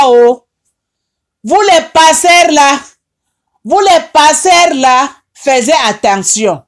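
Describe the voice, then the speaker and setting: Haitian French woman, high-pitched, slow, impassioned and tearful; repeats her rebukes. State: tearful, upset. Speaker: online advice host. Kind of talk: emotional preaching monologue.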